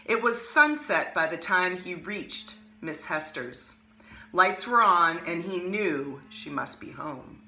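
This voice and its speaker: A woman hosting an art lesson, reading a picture book aloud with expressive, animated storytelling and casual asides. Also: fairly low pitch, slow, roomy sound. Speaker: art teacher and host.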